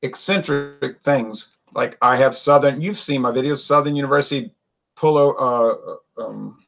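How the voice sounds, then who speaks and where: A man's voice: medium pitch, unhurried, gravelly, a bit bright, poor audio. A man co-hosting a casual wine chat, rambling and opinionated, with lots of fillers and restarts. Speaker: wine show co-host.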